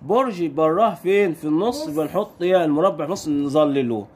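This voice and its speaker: A man with an Egyptian Arabic accent teaching young pupils their letters, stretching sounds out slowly and firing quick questions at the children. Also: fairly high pitch, animated, darkish tone. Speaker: primary school Arabic teacher. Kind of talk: recorded lesson for young children.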